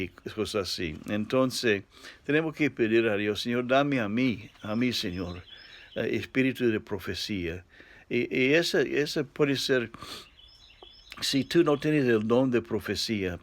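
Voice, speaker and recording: A man preaching a devotional sermon as a pastor, speaking haltingly and sometimes searching for words. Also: lowish voice.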